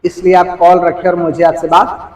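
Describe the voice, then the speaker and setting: A man voicing a young woman on the phone, quoting her softly and hushed while telling a story. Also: sits high, monotone, moderate pace, echoey room, in a large hall, slight background noise, natural voice, poor audio.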